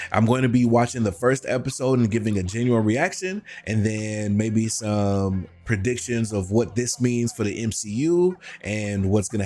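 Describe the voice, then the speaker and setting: A man's voice: on the low side, a little mellow. A man hosting a reaction video, commenting in a casual, conversational way with plenty of slang.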